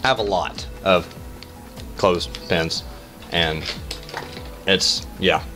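A man in his thirties giving casual, halting commentary as host of a gaming challenge video, with exclamations and muttered asides. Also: deep voice, pushed and bright. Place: small room indoors. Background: music.

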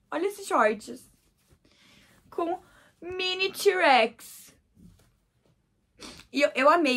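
A young woman with a Brazilian accent talks through a clothing haul in a high, bright voice. She gushes and repeats words for emphasis, shivering from the cold as she goes. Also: husky. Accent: Brazilian Portuguese. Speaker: fashion vlogger. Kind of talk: casual clothing haul vlog.

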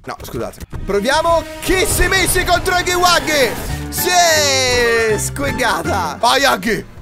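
A very high-pitched man with an Italian accent gives teasing game commentary, his voice leaping up and down with excitement. He drifts into sing-song bits and sudden shouts, with music clearly audible behind him. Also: slow pace. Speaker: gaming YouTuber.

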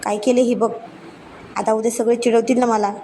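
Woman narrator doing a soft, coaxing young husband with a mellow voice; storybook read-aloud. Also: fairly high pitch, level tone, normal speed, a little hiss or hum, natural voice. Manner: coaxing, pleading softly. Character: affectionate teasing young husband.

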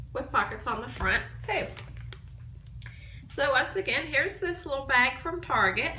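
A woman's voice: on the high side, sharp tone, a little hiss or hum. A woman in her thirties with a cold, chatting casually through a handbag haul at home and recorded on a phone held at arm's length. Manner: chatty, detailed, upbeat. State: has a cold, coughing. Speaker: vlogger. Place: small room at home, indoors. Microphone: phone camera at arm's length. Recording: echoey home room.

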